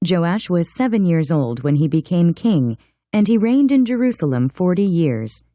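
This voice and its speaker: A woman reading scripture aloud in a clearly pronounced, scripted narration. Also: on the low side, sing-song, moderate pace, warm tone, dry recording, studio quality. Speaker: Bible reader.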